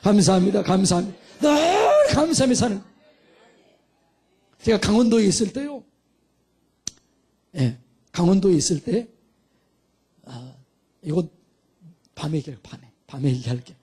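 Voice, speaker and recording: A man's voice: high-pitched, sing-song, unhurried, pauses often, mellow, slightly rough. A middle-aged male pastor preaching fervently, calling for amens and acting out little dialogues. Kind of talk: sermon. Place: church sanctuary.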